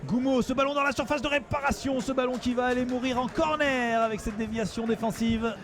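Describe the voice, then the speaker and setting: A man giving excited sports commentary as a football match commentator. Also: very high-pitched, a little fast. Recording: music and outdoor noise behind voice. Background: music.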